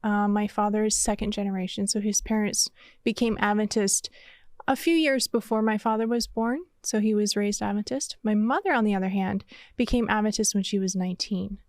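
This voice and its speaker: A woman's voice: medium pitch, steady tone, brisk, darkish tone, no echo. Thoughtful woman guest from Vermont. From Vermont, USA. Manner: thoughtful, explains in detail. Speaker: interview guest, church mission director. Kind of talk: conversational interview.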